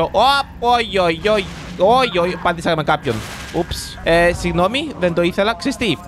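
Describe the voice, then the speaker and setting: A young man, chatting through live gameplay commentary and reacting loudly to what happens on screen. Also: fairly high pitch, background noise. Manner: chatty, reacts loudly to the game, mixes in English words. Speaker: gaming YouTuber.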